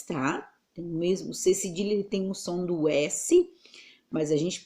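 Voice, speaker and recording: Slow, patient Brazilian woman teacher. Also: fairly low pitch, darkish tone. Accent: Brazilian Portuguese. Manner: slow, patient, over-articulating words for children. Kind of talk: online class lesson.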